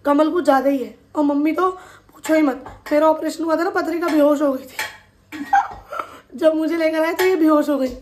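High-voiced woman telling a family story. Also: normal speed, noisy background. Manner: animated, retells events with quoted dialogue. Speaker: family vlogger. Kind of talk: casual storytelling vlog. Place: home kitchen.

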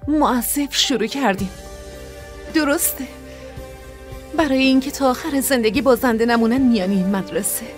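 Firm, caring older sister, an actress, high voice, dubbed drama with faint music. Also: female voice, pauses often, natural voice. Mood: earnest. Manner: pleading then scolding, earnest. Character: young woman raising her siblings, caring but firm. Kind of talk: Persian dub of a TV drama.

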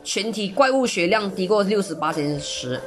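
A woman doing excitable live gameplay commentary, full of exclamations and mild curses. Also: medium pitch, normal speed, faint music behind. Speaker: game streamer.

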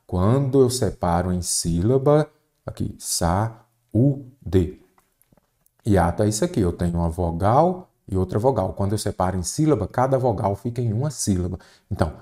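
Man teaching grammar, dark voice. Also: fairly low pitch. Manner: explains grammar step by step, asks and answers own questions. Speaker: Portuguese teacher. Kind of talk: exam prep lesson.

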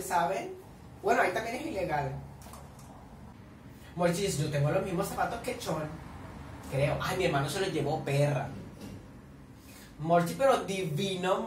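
A man's voice: sits high, a little hiss or hum. A man giving dramatic, shrieky reaction commentary, constantly addressing his viewers by a pet name. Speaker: series reaction vlogger. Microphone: camera mic at a distance. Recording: echoey room, distant mic.

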